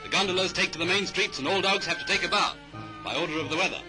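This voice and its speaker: A British newsreel narrator with a high voice delivers clipped, scripted 1930s commentary at a fast clip. The vintage soundtrack has music underneath, and the recording quality is low.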